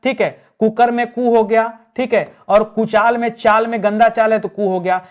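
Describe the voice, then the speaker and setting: Male tutor, high-pitched, methodical, repeats answers for the class. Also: fairly even intonation, moderate pace. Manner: explanatory, repeats key words, addresses viewers as friends. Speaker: teacher. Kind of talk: exam-prep grammar lesson.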